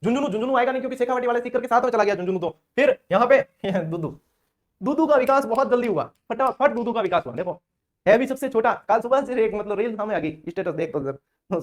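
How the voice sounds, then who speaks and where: A male teacher runs an exam-prep lesson, rattling along at a quick clip in a fairly high voice. He talks in a chatty, playful way and slips into chanted memory rhymes and little acted-out scenes.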